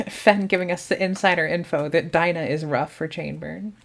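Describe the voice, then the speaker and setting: A woman's voice: sits low, moderate pace, gravelly. Chatty woman with a Southern lilt. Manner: chatty, thinks aloud and answers chat questions. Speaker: tournament commentator. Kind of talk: casual live game commentary.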